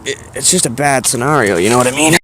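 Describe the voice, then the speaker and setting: A Canadian man talks casually to his viewers as a vlogger. He meanders and hesitates through his thoughts at a mid-range pitch. Faint outdoor noise sits behind his voice. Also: quick pace, fairly bright tone, poor audio. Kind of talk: casual rambling chat to viewers.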